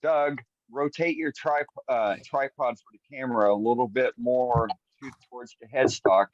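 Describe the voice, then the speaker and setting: Male remote caller heard over a speaker; dull, lo-fi, dry sound; halting, casual directions. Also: mid-range voice, steady tone, no echo. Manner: stumbling restarts while giving directions. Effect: voice of a remote caller played through a small speaker. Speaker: remote call participant. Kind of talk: casual call-in chat.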